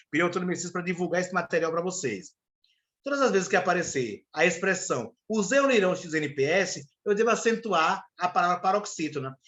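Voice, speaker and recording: Lively high-voiced Brazilian teacher. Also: male voice. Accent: Brazilian Portuguese. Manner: explains step by step, keeps checking in with students. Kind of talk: live online class lecture.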